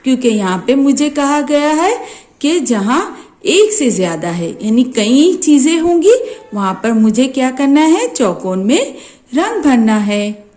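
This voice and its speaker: Woman teacher, Urdu-medium Maharashtra accent, high and very lively, patient question-and-answer delivery for small children. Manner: slow, sing-song questions answered by herself. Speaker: primary school teacher. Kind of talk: teaching a first-grade maths lesson.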